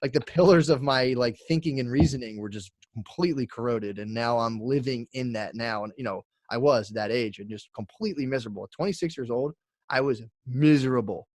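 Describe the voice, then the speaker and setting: A man's voice: medium pitch, fairly quick, no room sound, studio quality. A man in his thirties, a podcast guest talking in a rambling casual way with many fillers. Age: 30s.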